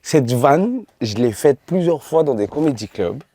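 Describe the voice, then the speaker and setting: Mellow-voiced man telling stage anecdotes. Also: medium pitch, unhurried, slightly rough. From Côte d'Ivoire. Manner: lively storytelling, acting out dialogue. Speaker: comedian guest. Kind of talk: casual interview chat.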